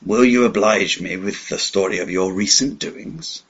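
A man voicing a smooth, menacing old gentleman villain who speaks quietly and with assurance, on a dull lo-fi recording. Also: lowish voice, normal speed. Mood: polite.

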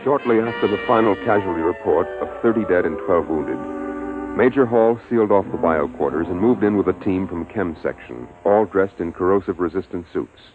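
A man's voice: low voice, lively intonation, fairly quick. A man narrating an old radio drama in a grave manner. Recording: tinny old radio broadcast over music.

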